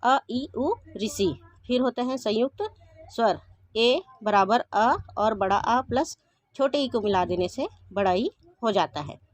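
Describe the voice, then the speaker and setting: A woman teaching a grammar lesson, asking questions and answering them herself, and repeating each definition slowly. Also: a little high, no echo.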